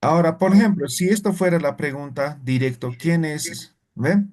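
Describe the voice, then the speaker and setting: A man's voice: on the high side, moderate pace, darkish tone. A man teaching a language class, explaining patiently step by step and checking in with short tag questions. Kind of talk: classroom lesson.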